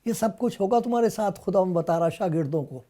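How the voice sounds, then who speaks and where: A man's voice: high voice, dark tone. A male pastor preaching a sermon, retelling scripture and acting out the dialogue in the scenes, at times rising to emphatic outbursts. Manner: storytelling, acting out dialogue between Jesus and Peter.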